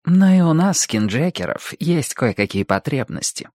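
A smooth, coaxing young ghost with courteous manners, speaking in a lively voice that rises and falls, as a male narrator puts him on. It is an audiobook read close to a dry mic. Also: a little high, normal speed, dry recording, pitched above the performer's own voice. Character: smooth, charming young male skinjacker leader.

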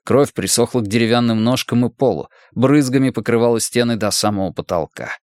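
This is scripted audiobook narration by a mid-range male voice, read steadily and in a measured way, with a clean, dry studio sound.

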